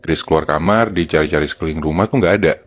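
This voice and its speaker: Male podcast storyteller, Jakarta accent, deep voice, relaying horror tales casually and step by step. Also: racing. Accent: Jakarta Indonesian. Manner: colloquial, step-by-step narration.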